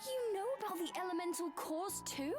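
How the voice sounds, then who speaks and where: A woman's voice: very high voice, lively intonation, normal speed, music in the background. An actress voicing a timid, curious young girl witch who stammers hesitantly. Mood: nervous.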